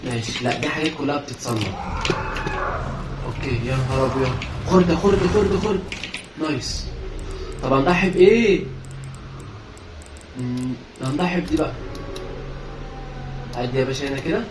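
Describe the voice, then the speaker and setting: A man with an Egyptian Arabic accent commenting as he plays a horror game, swinging between low muttering and panicky shouting. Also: normal speed, pauses often, echoey room, recorded from a distance, very noisy. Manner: panicky shouting bursts while playing. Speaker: gaming YouTuber. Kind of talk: let's play commentary.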